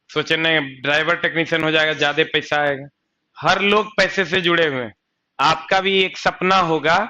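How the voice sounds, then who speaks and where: Young male coaching teacher, bright lively tone, chatty lecture, dull lo-fi audio. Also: high-pitched. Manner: chatty, asks students rhetorical questions, slips into local dialect. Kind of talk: live online exam-coaching lecture.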